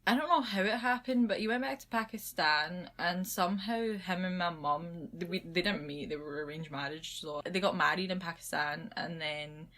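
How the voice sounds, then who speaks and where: Lowish-pitched young Glaswegian woman, broad Scottish accent. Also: moderate pace, few pauses, fairly bright tone. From Glasgow, Scotland. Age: young adult. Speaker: interview guest. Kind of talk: casual conversational interview.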